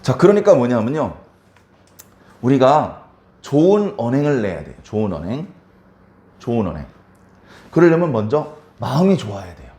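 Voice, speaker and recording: A man's voice: medium pitch, sing-song, normal speed, long pauses, mellow, reverberant. A male pastor preaching a sermon, repeating key words for emphasis and putting questions to the congregation.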